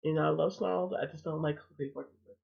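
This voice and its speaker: Woman reaction streamer, cold-stuffed and gravelly, blunt chat, lo-fi phone-line sound. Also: low voice, steady tone, fast. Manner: blunt, chatty and fired up.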